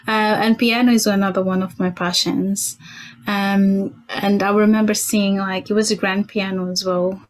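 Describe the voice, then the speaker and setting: A woman's voice: medium pitch, little pitch movement, moderate pace. A young woman from Portugal, a native Portuguese speaker, talking casually as a podcast guest, thoughtful with many fillers and restarts. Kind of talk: casual interview chat.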